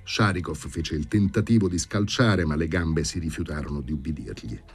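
A man reading a novel aloud for radio in a measured, dramatic way. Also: extremely low pitch, slightly rough. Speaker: audiobook reader.

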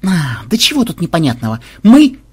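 A brash young warlock programmer, as a male reader puts him on, loud and excitable, his voice leaping high and swinging all over as he yells. The tone is husky and breathy. It sounds like a lively storybook reading. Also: moderate pace, heavily acted. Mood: scheming. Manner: loud, excitable, often yelling.

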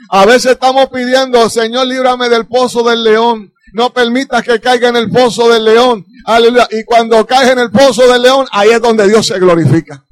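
Male pastor, high voice, fervent sermon full of hallelujahs, dry close sound. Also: dry recording. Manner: fervent preaching with frequent hallelujahs. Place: church.

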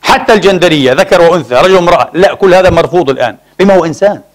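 Guy preaching a sermon really fast, keeps asking the crowd questions and repeating himself, calls them brothers. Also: sits high, lively intonation. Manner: emphatic, rhetorical questions and repetition; addresses the congregation as brothers. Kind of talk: Friday sermon.

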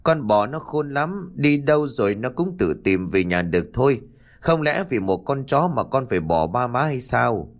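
A man voicing a patient village father who gently coaxes his daughter. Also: medium pitch, very animated, moderate pace. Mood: soothing. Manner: soothing, coaxing.

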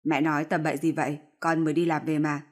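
A woman's voice: deep voice, level tone, fast talker. A woman voicing a guilty young husband who pleads and makes excuses in a storybook reading. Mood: guilty pleading. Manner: pleading, defensive.

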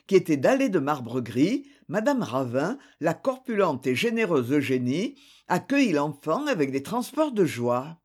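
An audiobook reader giving a measured, expressive literary narration. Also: mid-range voice.

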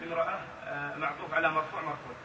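A male student answering his teacher's grammar questions quietly, hesitating with fillers. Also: fairly high pitch, steady tone, very fast. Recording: faint, roomy hall recording with audience noise.

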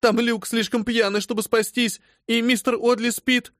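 A frantic young servant woman, sobbing and begging in breathless bursts, as a male audiobook reader puts her on. Her voice sits high and strained, far above his own. The dry, close recording has no room sound. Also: level tone, normal speed, a bit bright, no echo. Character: frantic young female servant, tearful and pleading. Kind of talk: audiobook reading.

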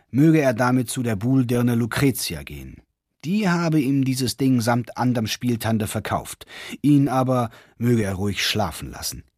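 A man narrating an old fairy tale in a measured, old-fashioned storytelling manner for a radio drama. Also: medium pitch, darkish tone, slightly rough, dry recording, studio quality. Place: studio.

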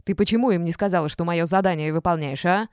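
A woman reading a gruff, domineering middle-aged boss. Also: deep voice, normal speed, a little mellow, no echo, studio quality. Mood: angry. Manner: growling, bossy and blunt.

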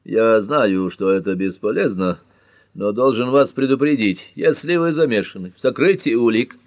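A man doing a hoarse, jealous young prosecutor. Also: medium pitch, lively intonation, moderate pace, no echo, natural voice. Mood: fierce. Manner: fierce, hoarse, accusing. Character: jealous young male prosecutor, hot-tempered.

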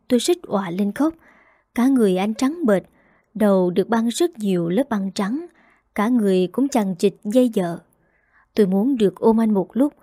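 Female narrator, mellow dark tone, dry close sound, sorrowful measured delivery. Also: mid-range voice, no room sound. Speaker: story narrator. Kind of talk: scripted first-person narration.

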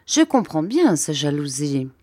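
A woman reading an audiobook, voicing a gentleman suitor who speaks slowly in a falsely friendly, coaxing way. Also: low voice, sing-song, husky, no room sound, clean studio sound, full character voice.

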